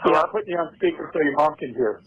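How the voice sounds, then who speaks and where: A man speaking as a father on a phone call, heard over a phone speaker, slow and measured with frequent pauses and "uh"s. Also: a little high, fairly bright tone, slight background noise. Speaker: father of the inmate. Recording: muffled phone audio.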